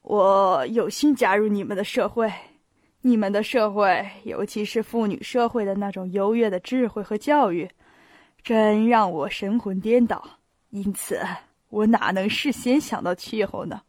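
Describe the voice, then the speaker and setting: A woman voicing a middle-aged Italian abbé who speaks in an ingratiating, flattering way. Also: medium pitch, unhurried, dry recording, clean studio sound, pitched below the performer's own voice, lightly acted. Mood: fawning.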